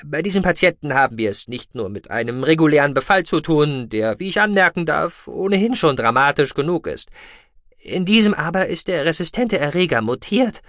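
A man's voice: a little high, lively intonation, brisk, a bit bright, no echo, clean studio sound, voice pushed up. A man voicing a nervous but determined male alien doctor in a science-fiction audiobook, talking earnestly. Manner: nervous, then theatrically earnest.

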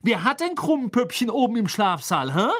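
A reader voicing an indignant teenage girl witch, quick, defensive, very high, lively pitch.

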